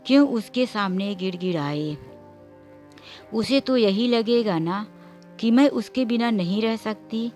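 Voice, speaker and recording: A woman's voice: mid-range voice, measured pace, faint music behind, close to an everyday voice. Give me a stubborn young wife speaking sharply, as a woman reads her in a storybook. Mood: angry. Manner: indignant, sharp.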